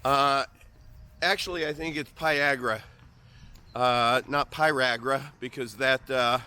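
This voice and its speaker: The speaker, a Midwestern man in his fifties, delivers a joking, meandering vlog monologue outdoors, trailing off and picking back up. His mid-range voice is steady, slow, bright, forceful, and smooth.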